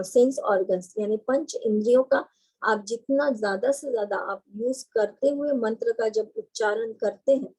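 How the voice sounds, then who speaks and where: A woman leads a guided meditation lesson in a slightly high, mellow voice. She talks very slowly and gently, pausing and hesitating softly as she explains each step to the listener. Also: rough recording. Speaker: meditation instructor.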